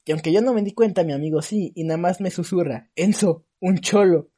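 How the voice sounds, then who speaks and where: Slangy young Mexican man, mellow voice. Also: sits high, fast, slightly rough. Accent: Mexican Spanish. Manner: animated, swears a lot, mocks friends. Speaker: podcast co-host. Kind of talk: casual storytelling chat.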